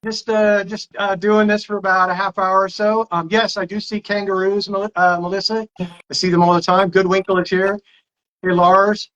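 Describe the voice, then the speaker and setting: A man's voice: high-pitched, flat delivery, normal speed, a bit bright, lo-fi sound. A man hosting a casual live stream on a phone or webcam, rambling and reading viewer comments aloud.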